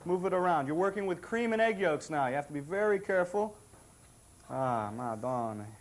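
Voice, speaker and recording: A man's voice: high-pitched, fast talker. A man co-hosting a cooking demonstration on an old TV show, chatty and jokey, pleased with his own dishes. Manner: jokey, chatty, self-satisfied.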